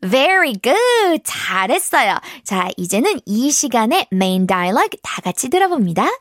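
A woman teaching English to children, encouraging and modeling pronunciation slowly word by word. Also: on the high side, very animated, fairly bright tone.

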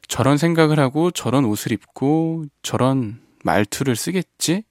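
A man hosting a radio show in a studio, reading listener messages and reflecting on them in a soft, gentle way that often trails off quietly. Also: medium pitch, dry recording. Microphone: studio microphone.

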